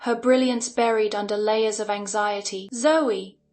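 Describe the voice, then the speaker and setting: A woman narrating an animated revenge story in the first person. Her voice sits a little high, and she reads with dramatic intensity. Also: unhurried.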